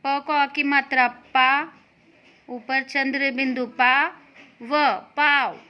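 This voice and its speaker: A woman's voice: high voice, little pitch movement, drawn-out words, muffled recording. A woman teaching a lesson to young children, patient and spelling out each sound.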